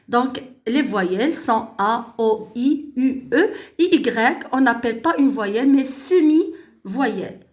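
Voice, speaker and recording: A woman teaching a grammar lesson, repeating and stressing each word slowly for her learners. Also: on the high side. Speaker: French teacher.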